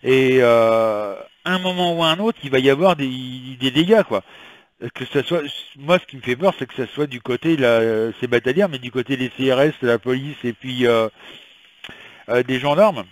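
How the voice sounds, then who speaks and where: A man's voice: mid-range voice, moderate pace, no room sound. Man, from France, tarot reader, slight cold, casual vlog chat, rambling, lots of fillers. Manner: chatty, rambling, with many fillers. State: has a slight cold, coughing. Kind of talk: casual weekly prediction vlog.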